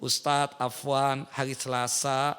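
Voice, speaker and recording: A man voicing a fussy older woman caller phoning a cleric, hushed, hesitant and apologetic, in a religious lecture. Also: medium pitch, level tone, slow, clean tone, big-room sound, pitched below the performer's own voice.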